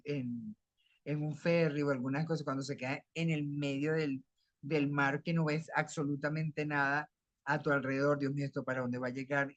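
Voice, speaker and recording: A man's voice: a little high, no echo, lo-fi sound. A middle-aged man with a Venezuelan accent giving a lecture, explaining with everyday examples and often restarting his phrases. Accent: Venezuelan Spanish. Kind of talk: academic lecture.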